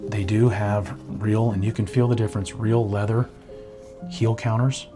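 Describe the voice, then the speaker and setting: Low-voiced man reviewing shoes over guitar. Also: normal speed. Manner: relaxed, thorough, with frequent fillers and "right?". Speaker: menswear reviewer. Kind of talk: detailed product review. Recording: guitar music underneath. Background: guitar music.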